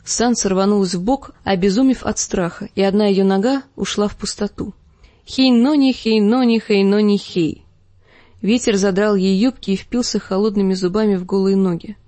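A woman reading an audiobook aloud as expressive, dramatic narration. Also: medium pitch, brisk, few pauses, no room sound. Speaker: audiobook reader. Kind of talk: scripted narration.

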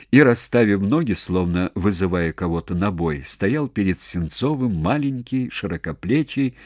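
A male audiobook narrator with a deep, slightly mellow voice delivers scripted narration. The recording is dry and clean, with studio sound.

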